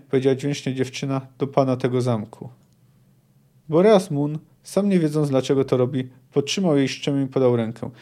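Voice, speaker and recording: Male podcast host, dark mellow voice, mid-pitched, reads aloud then rambles thoughtfully. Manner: thinks aloud, discursive and unhurried. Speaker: podcast host reading and discussing a novel. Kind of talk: reads book passages aloud, then comments casually.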